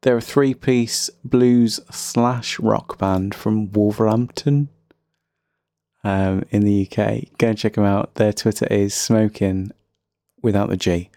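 A man's voice: fairly low pitch, fairly even intonation, takes it slowly, dark tone, no echo. A man with a faint Birmingham accent hosting a casual solo music podcast, chatty, rambling and self-deprecating. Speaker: podcast host.

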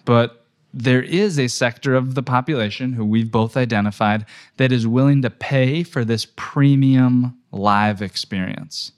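A man speaking as a tour business guest in a podcast conversation, energetic and emphatic, often asking rhetorical questions. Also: mid-range voice, unhurried.

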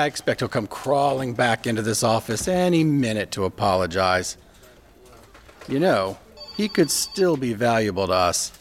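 Guy doing a dismissive law firm boss, flat matter-of-fact talk, faint noise behind. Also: medium pitch, natural voice. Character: blunt male law firm partner. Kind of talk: audio drama acting.

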